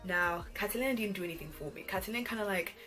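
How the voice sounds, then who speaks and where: Racing through her words, a 21-year-old vlogger chats casually in a sharp, medium-pitched voice over background R&B pop. She is from Ghana and has lived in England since she was twelve.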